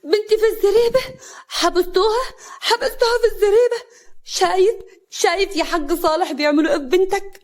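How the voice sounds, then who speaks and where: A woman voicing a loud, jealous, hot-tempered mother with an Upper Egyptian accent and a shrill, shouting manner. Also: fast. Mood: distraught. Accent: Upper Egyptian Arabic.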